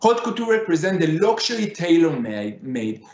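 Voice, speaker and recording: A man's voice: fairly high pitch, big pitch swings, moderate pace, darkish tone. A man with a Middle Eastern accent, a non-native English speaker, giving a conference lecture and repeating phrases for emphasis. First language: not English. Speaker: conference speaker, digital fashion designer. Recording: echoey room, slightly dull sound.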